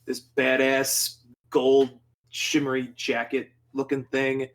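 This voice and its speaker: Young male podcast co-host, mid-pitched, excitable, profane, rambling casual chat. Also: slow pace. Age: young adult. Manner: excitable, swears freely, rambling with many fillers.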